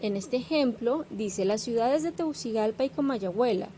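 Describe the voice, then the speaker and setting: A woman's voice: a little high, expressive, normal speed, mellow, slight background noise. A woman teacher, patiently explaining punctuation to students.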